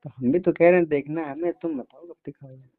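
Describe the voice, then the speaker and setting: Over a tinny, band-limited phone line with no echo, a man with a rather high, steady voice chats fast, casually and intimately. His manner is coaxing and teasing.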